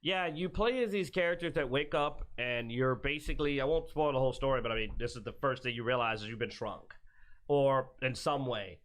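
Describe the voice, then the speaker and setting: A man co-hosting a podcast, chatting casually about a video game and telling stories in an excitable, animated way. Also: medium pitch, a little fast. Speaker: podcast co-host.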